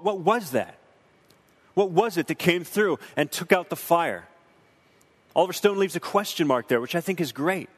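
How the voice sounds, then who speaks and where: Man, young adult, earnest preacherly film commentary, slightly raised pitch, echoing hall. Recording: long hall reverb.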